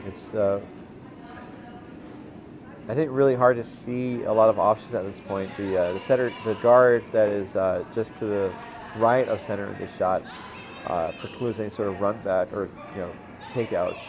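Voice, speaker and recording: A man calling a curling game as commentator, relaxed and halting, with lots of fillers and restarts and the odd dry aside. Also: on the low side. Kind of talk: play-by-play commentary.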